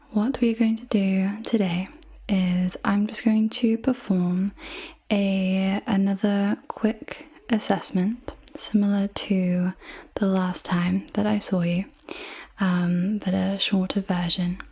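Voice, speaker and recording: A woman in her twenties doing an ASMR role-play as a clinic practitioner, in a soft, breathy, reassuring soft voice. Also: medium pitch, level tone, takes it slowly. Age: 20s. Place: indoors, small room with dark backdrop.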